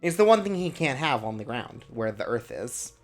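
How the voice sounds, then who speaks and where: Brief: woman game streamer, extremely deep register, sardonic casual asides, soft music in the background. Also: big pitch swings, normal speed. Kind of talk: casual live commentary on a game.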